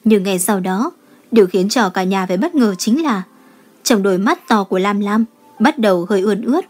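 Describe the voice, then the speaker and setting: A woman reading a romance novel aloud as an audiobook narrator, telling the story in a steady manner. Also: mid-range voice, moderate pace. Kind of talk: scripted narration.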